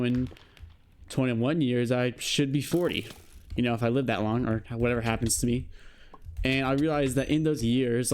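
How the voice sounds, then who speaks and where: A young man in his late teens talks reflectively to camera in a rambling vlog, full of fillers and "you know." His mid-range voice is a little mellow, with a little hiss or hum in the recording.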